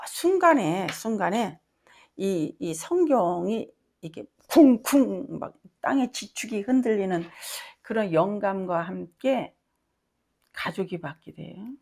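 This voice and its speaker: A woman's voice: medium pitch, a little mellow. A middle-aged woman pastor preaching a sermon with personal testimony, emphatic and often asking her congregation questions.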